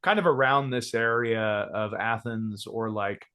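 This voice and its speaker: In a casual interview, a musician in his thirties from Georgia, USA, talks loosely, full of fillers and restarts. His fairly low voice is unhurried, bright and forceful.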